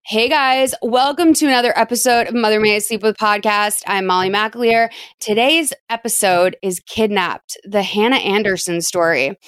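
A woman hosting a podcast in casual chat, chatty and curious with quick follow-up questions. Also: medium pitch, a bit bright, clean tone, dry recording, clean studio sound. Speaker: podcast host.

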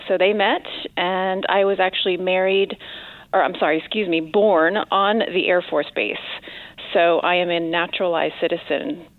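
A woman in her fifties, a TV news anchor, telling her story in an interview at a thoughtful pace with frequent pauses. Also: fairly low pitch, dry recording. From born in the Philippines, raised in many countries. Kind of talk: casual interview conversation. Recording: tinny phone line, dry.

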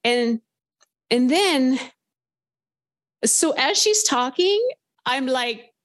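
A chatty woman from Southern California calls in to a phone-in podcast to share a paranormal story, telling it casually in an animated, rambling way. Her voice sits high, she stretches out her words, and she leans heavily on filler words.

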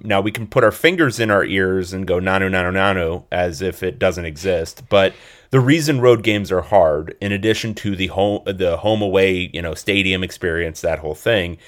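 Man, lowish voice, casual sports podcast co-host, analytical, chatty. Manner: chatty, hedging with fillers, analytical.

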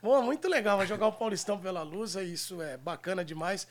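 A man's voice: high voice, fast. A Brazilian man hosting a casual sports chat in an effusive, chummy way. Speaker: show host.

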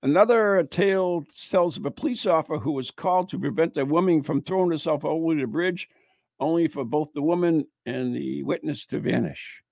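A gravelly, husky man from the United States, his voice sitting a little high, casually reading out ghost stories and cracking jokes with a co-host. He recites the tales, then drifts off into banter. The recording is dry and close. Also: normal speed, darkish tone, no echo. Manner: chatty, joking, slips into playful high voice.

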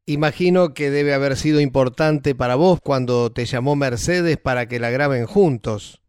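A man hosting a folk music radio program, asking questions and announcing segments in a measured way. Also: mid-range voice, a little mellow, clear, resonant tone, dry recording, clean studio sound. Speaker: radio host.

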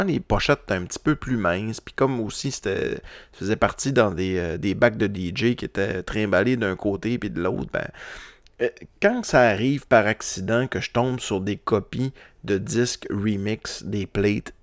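This podcast host, a middle-aged man with a Québécois French accent, speaks in a fairly low voice about vinyl records. His talk is casual and rambling, with frequent fillers and restarts, in studio quality without room sound.

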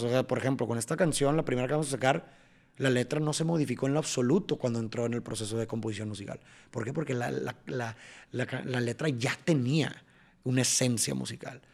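A man's voice: medium pitch, fast talker, vocal fry, a little mellow. A man with a Mexican accent, a podcast guest explaining his songwriting eagerly, often restarting and tapping out rhythms. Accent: Mexican Spanish. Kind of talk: casual interview chat.

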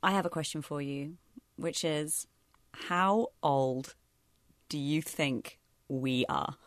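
A woman's voice: deep voice, takes it slowly, no echo, clean studio sound. A woman in her late twenties co-hosting a podcast, chatting casually with a wry, joking manner. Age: late 20s. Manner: wry and joking, laughs often. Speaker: podcast co-host. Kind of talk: casual chat.

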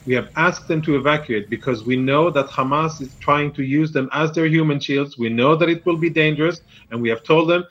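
A man's voice: mid-range voice, a bit bright. Dull-sounding remote link, firm military spokesman. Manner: firm, deliberate, defensive. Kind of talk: live news interview answers.

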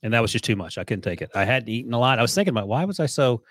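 A man's voice: medium pitch, very animated, very fast, dry recording. A man in his forties co-hosting a sports podcast, with dry and sarcastic humor. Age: 40s. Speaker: podcast co-host. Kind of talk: casual sports podcast banter.

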